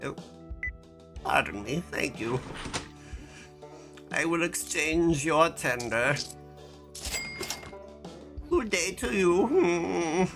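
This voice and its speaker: A woman's voice: on the low side, big pitch swings, extremely slow, long pauses, over music, heavily acted. A woman voicing an alien shopkeeper who fakes being human, speaking in a stilted, overly formal way with musing hums. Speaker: streamer playing a shop game.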